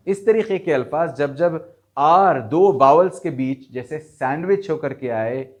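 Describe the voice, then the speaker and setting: Slow, patient male language teacher. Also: fairly high pitch. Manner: explains slowly, repeats example words, spells them out letter by letter; Urdu-leaning Hindustani vocabulary. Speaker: English pronunciation teacher. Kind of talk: spoken lesson.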